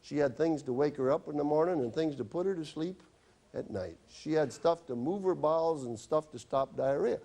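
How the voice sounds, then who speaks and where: A man's voice: fairly high pitch, normal speed, dark tone. A man who is a doctor, telling chatty, wry anecdotes in a health lecture. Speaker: doctor giving a stop-smoking talk.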